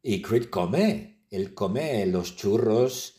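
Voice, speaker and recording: A man telling a silly story for language learners in simple, repeated phrases. He speaks slowly and clearly, and his pitch moves up and down a lot. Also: lively intonation, mellow. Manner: simple repetitive phrasing, playful.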